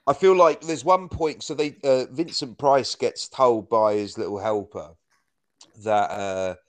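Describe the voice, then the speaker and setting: A man's voice: mid-range voice, fairly even intonation, measured pace. A man co-hosting a podcast, chatting casually about a film in a rambling way, full of "like" and restarts. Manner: rambling, heavy use of "like". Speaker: podcast co-host. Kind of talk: casual film review chat.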